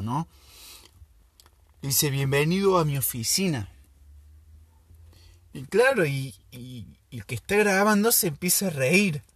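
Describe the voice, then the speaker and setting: A man tells a story in a slow, thoughtful way, full of pauses. His voice is somewhat high and a little husky. The recording is dry and close. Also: a bit bright, no room sound. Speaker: podcast host. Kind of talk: casual storytelling monologue.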